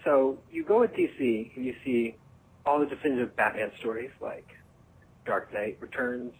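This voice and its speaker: A man's voice: mid-range voice, big pitch swings, moderate pace, gravelly, rough recording. Man's voicemail question with faint noise. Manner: plain and listing, asking questions one after another. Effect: voicemail played back on the show. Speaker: caller leaving a voicemail.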